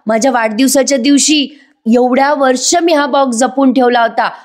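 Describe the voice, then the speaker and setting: Pained old grandma scolding a rude girl, high cries, a woman reading her lines. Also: steady tone, moderate pace, close to an everyday voice. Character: old grandmother, frail, with an aching back.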